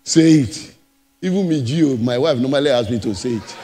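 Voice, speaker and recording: A pastor preaching a sermon, emphatic and repetitive, moving between loud and soft passages. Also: male voice, mid-range voice, animated, fast talker, long reverb tail, background noise. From Nigeria. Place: church.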